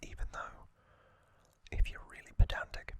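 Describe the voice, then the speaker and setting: An ASMR host runs a whispered trivia channel, recapping gently with lingering pauses between short phrases. The whisper is soft, breathy, largely unvoiced, and close to the microphone.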